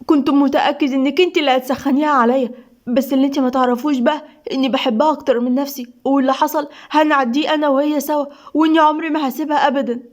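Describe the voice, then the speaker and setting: Woman doing an Egyptian young husband, tearful and pleading, quick and high. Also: steady tone, natural voice. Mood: defiant. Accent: Egyptian Arabic.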